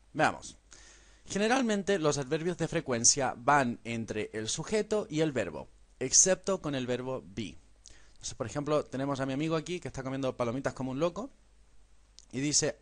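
A man teaching an English lesson in a classroom style. He speaks, says English words slowly for the listener to repeat, and keeps checking in with a quick "¿vale?". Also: medium pitch. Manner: tags sentences with a questioning "¿vale?".

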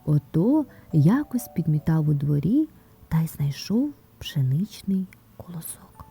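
Expressive female fairy-tale storyteller. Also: low voice, unhurried, vocal fry, slightly rough. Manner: expressive, softening to a whisper in places. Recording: dry close mic with soft background music.

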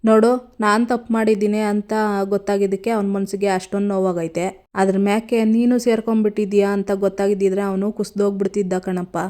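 A woman's voice: mid-range voice, level tone, a little fast, warm tone, natural voice. A woman reading the lines of a stern elderly village grandmother who scolds and reassures her family in rustic speech. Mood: reassuring.

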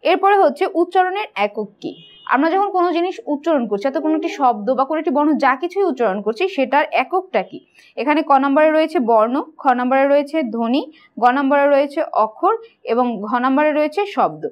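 A woman's voice: sits high, lively intonation, a little fast. A woman teacher patiently explaining quiz answers, asking questions and answering them herself. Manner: patient, asks and answers her own questions.

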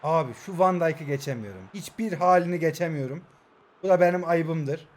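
A man in his twenties giving excitable live commentary on his mobile football match, shouting at players and muttering asides. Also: on the high side, moderate pace. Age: 20s.

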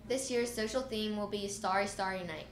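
A woman's voice: mid-range voice, normal speed, echoey room, noisy background. Female school announcer over a PA. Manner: plain read-aloud delivery with small stumbles.

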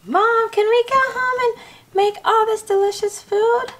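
A woman voicing an excitable little girl doll on her first shopping trip with her mom. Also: extremely high pitch, measured pace, a little hiss or hum. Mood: chatty. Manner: gushing, breathless with excitement. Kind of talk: toy doll play video.

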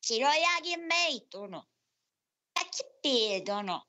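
A woman acts out an eager, polite ninja retainer co-hosting a radio show. The voice is high and bright, swinging widely in pitch, with deferential old-fashioned samurai-era phrasing. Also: big pitch swings, slow, heavily acted. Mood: bright, presenting.

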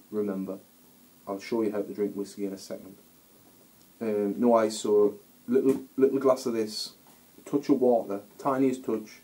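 Low, mellow Scottish man reviewing whisky. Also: low-quality recording. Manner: rambling, halting, chatty with restarts. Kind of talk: casual video review.

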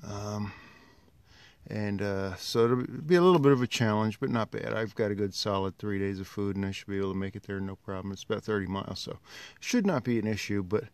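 Out on a wooded trail and dam, a middle-aged man narrates his hiking vlog casually into a phone held at arm's length. His lowish, darkish voice moves fairly quickly with no echo, against clear outdoor background noise.

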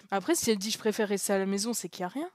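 Young woman streamer reading a visual novel out loud, jokey and chatty, lots of laughs and little hushed asides, dry close sound. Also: mid-range voice, no echo. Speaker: streamer playing a story game. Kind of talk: casual live commentary while reading a visual novel.

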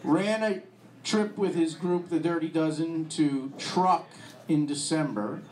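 A male event host introduces the evening's speaker with casual jokes. His voice runs a little high. A handheld mic carries it through a roomy, echoing event space. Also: takes it slowly, a little mellow. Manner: joking, chatty. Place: dim restaurant event room. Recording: echoey room.

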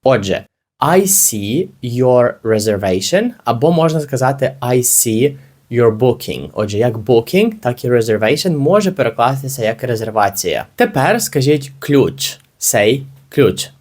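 A man teaching an English lesson, explaining with energy and saying the model phrases slowly and carefully. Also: medium pitch, big pitch swings, darkish tone.

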